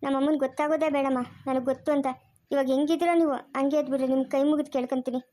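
Woman voicing a tearful village woman, high-pitched. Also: steady tone, very fast, dark tone, no room sound, clean studio sound, close to an everyday voice. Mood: grieving. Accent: rural Chikkaballapur Kannada. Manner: tearful, lamenting. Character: grieving young village woman. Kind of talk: cartoon family drama acting.

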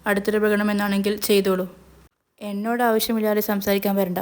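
A woman's voice: medium pitch, flat delivery, brisk, darkish tone, lightly acted. A woman voicing a stern, protective young mother in a spoken serial recap.

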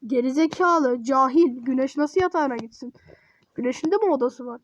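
A woman's voice: high voice, moderate pace, dull audio. A woman giving casual gaming commentary, blunt and teasing, swearing freely and scolding the game's child. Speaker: game streamer.

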